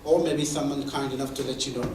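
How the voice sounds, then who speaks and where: Male presenter, mid-pitched, explaining with examples, heard from a distance in a roomy hall. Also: fairly even intonation, quick pace, noisy background. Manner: explains with examples, many restarts. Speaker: presenter at a mentoring event. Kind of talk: conversational presentation. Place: meeting room or hall. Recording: echoey room from far off.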